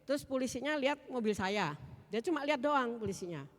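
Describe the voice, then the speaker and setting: A woman giving a spoken church testimony, telling her story with lively energy and acting out the voices of others. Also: a little high, fairly quick. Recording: hall with long reverb.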